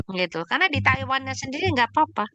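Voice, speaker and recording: A woman's voice: high-pitched, sing-song, fast talker, sharp tone, dry recording, dull audio. A woman doctor answering questions in an online session, explaining in an emphatic way and listing examples.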